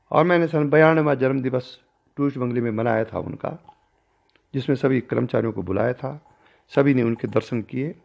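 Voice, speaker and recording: An older man, a spiritual teacher, recounting a personal story in a discourse and acting out the dialogue with changing pitch and loudness. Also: vocal fry. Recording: dull lo-fi recording.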